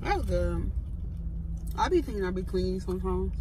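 A chatty young woman talks casually from the driver's seat, tossing out teasing questions. Her voice sits a little far from the phone mic. Loud car and road noise runs underneath. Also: mid-range voice, lively intonation, normal speed. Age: young adult. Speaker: vlogger. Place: inside a parked or slow-moving car. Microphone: phone camera mounted in the car.

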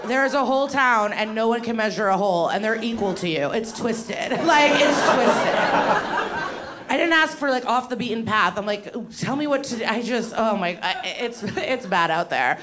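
A woman in her thirties, her voice a little high and expressive at a moderate pace, does a rambling, chatty stand-up set on a handheld mic, tossing crowd-work asides to the audience. She's in a small, dim venue with a live crowd, and loud audience laughter makes the recording very noisy.

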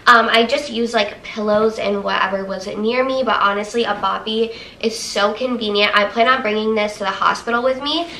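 Poor audio with some hiss or hum carries a mid-range, steady, gravelly and sharp female voice at a moderate pace. A young vlogger, stuffy and nasal with a cold, sits on her living room floor presenting baby items in an upbeat, chatty haul video, laughing a lot. The camera starts at arm's length and later sits across the room.

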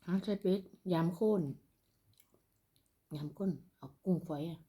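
A woman's voice: low-pitched, a little slow, mellow. A woman from northeastern Thailand with an Isan accent, chatting casually to her followers as she eats. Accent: Isan, northeastern Thai. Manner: talks while eating. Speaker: eating-show vlogger. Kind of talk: casual mukbang chat to followers.

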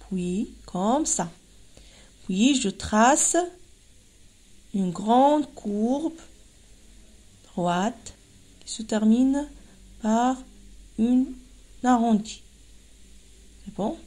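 A woman teaching young children to write and read, sounding out letters and syllables one by one in a slow, patient way. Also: mid-range voice, darkish tone. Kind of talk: slow, carefully spaced reading lesson for young children.

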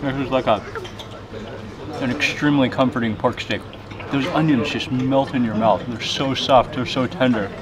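A man's voice: mid-range voice, steady tone, normal speed, a crowd in the background. A man in his thirties, chatty and enthusiastic, filming a travel vlog with a camera held at arm's length outdoors and at a restaurant. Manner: enthusiastic, chatty, savoring food aloud. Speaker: travel vlogger. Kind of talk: casual food and travel vlog. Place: outdoors in a city, on a boat and at a restaurant. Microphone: handheld camera at arm's length. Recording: music playing underneath.

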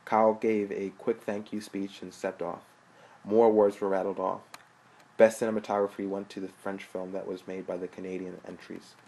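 A man narrating a story aloud in a steady, plain way. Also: low voice, normal speed, breathy edge, low-quality recording. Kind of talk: audiobook narration.

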